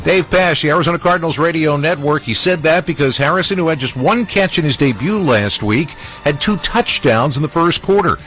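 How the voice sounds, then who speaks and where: Male highlight-show host, higher voice, emphatic scripted recaps, light music bed. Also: animated, fairly quick, few pauses, fairly bright tone. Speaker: sports radio host.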